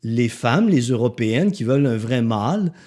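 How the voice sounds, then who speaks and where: A man's voice: medium pitch, animated, moderate pace, a little mellow. A man with a Québécois accent hosting a podcast, speaking bluntly and sarcastically to the listener, with profanity. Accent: Québécois French. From Quebec. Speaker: podcast host. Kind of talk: motivational podcast monologue.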